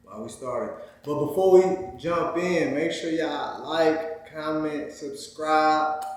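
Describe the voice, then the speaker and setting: A man's voice: on the high side, takes it slowly, far from the mic. A man co-hosting a couple's vlog, talking in a laid-back, slangy way. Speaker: vlog co-host. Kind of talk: casual chat. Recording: very echoey room.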